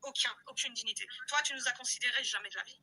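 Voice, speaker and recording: A woman hosting a live stream, ranting loudly and confrontationally, hurling insults and repeating herself for emphasis. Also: on the high side, fast talker, slightly rough, low-quality recording. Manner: loud-mouthed, insulting, confrontational; repetitive, emphatic, addresses viewers directly. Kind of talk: heated live-stream rant.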